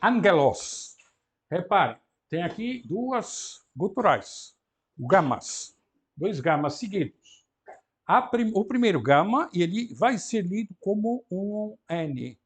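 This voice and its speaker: A man teaching an introductory Greek class, explaining pronunciation slowly and deliberately and often adding tag questions. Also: high voice, big pitch swings, breathy edge. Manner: slow and deliberate, frequent "não é?" tag questions. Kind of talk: university lecture.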